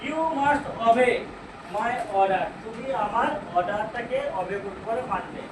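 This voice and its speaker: A man with a Bengali accent teaching an English grammar lesson. He asks the class questions, answers them himself, and reads English sentences out slowly. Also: very high-pitched. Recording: echoey room, far from mic, noisy.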